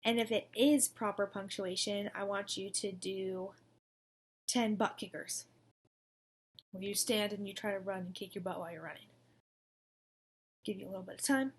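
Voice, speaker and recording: A woman's voice: medium pitch, fairly even intonation, moderate pace, long pauses, a little hiss or hum. A young woman teaching a recorded lesson to second graders, in an upbeat, coaxing manner. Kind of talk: recorded distance-learning lesson.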